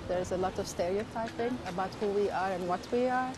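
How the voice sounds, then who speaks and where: A woman's voice: medium pitch, brisk, background noise. A woman answering a street interviewer in a composed, considered way. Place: outdoors on a city street.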